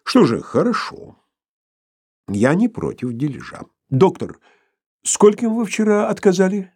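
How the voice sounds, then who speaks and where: A man voicing a stately older professor who speaks in a measured, formal, ironic way. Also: high-pitched, big pitch swings, darkish tone, breathy edge, no room sound, clean studio sound, voice pushed up, exaggerated voice.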